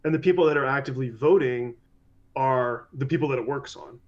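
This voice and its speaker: A man talks through a loose podcast conversation, his voice sitting at an ordinary middle pitch. He keeps restarting phrases and slips into mimicking other people for his quotes. The audio is a bit dull and lo-fi. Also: fairly quick.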